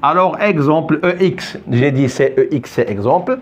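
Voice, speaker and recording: A man's voice: a little high, expressive, moderate pace, slight background noise. A man teaching French in a classroom, patiently repeating words and asking often if the students follow. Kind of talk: classroom lesson. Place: classroom with a board.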